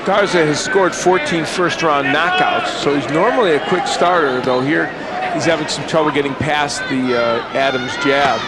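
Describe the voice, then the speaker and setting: A man with a fairly high voice analyses a boxing match live from ringside. His delivery is measured and a little hesitant, with a very noisy crowd all around. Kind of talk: live sports commentary. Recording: loud arena crowd, heavy background noise.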